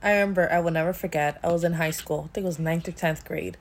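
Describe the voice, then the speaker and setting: A woman's voice: lowish voice, steady tone, quick pace. A woman with a Miami accent chatting informally as a co-host, with slangy, sweary talk. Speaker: podcast co-host. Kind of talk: casual chat, reading and commenting on news items.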